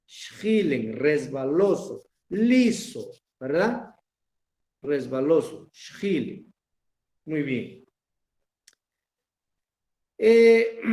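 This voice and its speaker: A man's voice: a little high, warm tone, echoey room. A man teaching a language class, explaining step by step, repeating himself and checking that his students follow. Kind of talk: recorded online class lecture.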